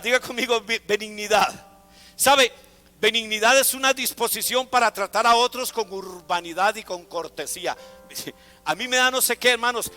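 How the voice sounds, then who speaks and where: Male pastor, high bright voice, lively sermon, faint music behind. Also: long reverb tail. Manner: animated, calls the congregation to repeat words. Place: church.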